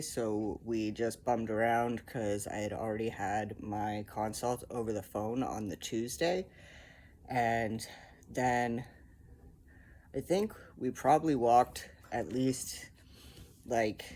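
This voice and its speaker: A young man talks through a loose personal update at an average pitch, wandering from point to point with plenty of ums and likes. He records at home, and a faint hiss of background noise sits under his voice. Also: a little mellow. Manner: rambling, filler-heavy storytelling. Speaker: vlogger. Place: home, indoors. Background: faint animal noises.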